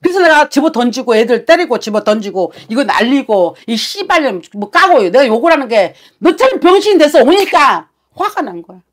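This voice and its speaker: A woman's voice: sits high, sing-song, a little fast, hardly any pauses. A woman shaman giving a fortune-telling session, talking bluntly and scolding with coarse words.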